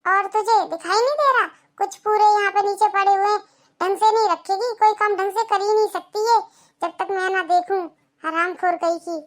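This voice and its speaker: A bossy old mother-in-law snaps and scolds in a cartoon, as a woman puts her on. The voice sits very high and sharp. Her tone is contemptuous and domineering throughout. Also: steady tone, measured pace, heavily acted. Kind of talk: Hindi cartoon voice acting.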